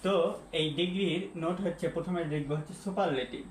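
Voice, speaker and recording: A man's voice: a little high, normal speed. A man teaching an English grammar lesson at a whiteboard, asking the class questions and repeating the key points. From Bangladesh. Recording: echoey room, faint background hiss.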